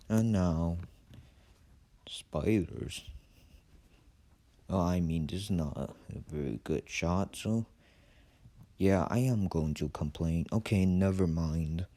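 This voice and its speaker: Male narrator for a spoof wildlife film: low, mellow, casually deadpan and mocking, in no hurry. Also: takes it slowly, pauses often. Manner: deadpan, casual, sweary mockery. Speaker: narrator of a parody nature documentary. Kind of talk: ad-libbed comic nature documentary commentary.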